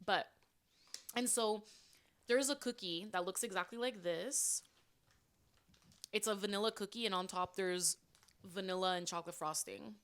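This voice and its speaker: A woman's voice: mid-range voice, moderate pace, long pauses, fairly bright tone. A young woman co-hosting a podcast, chatting casually and eagerly about snacks, with lots of "like" fillers. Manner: chatty, enthusiastic snack talk with many "like" fillers. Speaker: podcast co-host. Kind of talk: casual chat.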